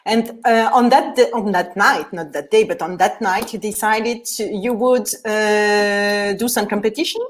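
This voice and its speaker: A woman's voice: medium pitch, measured pace, hardly any pauses. A woman hosting an interview show, reading an admiring introduction and then asking questions with hesitant fillers. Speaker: interview host.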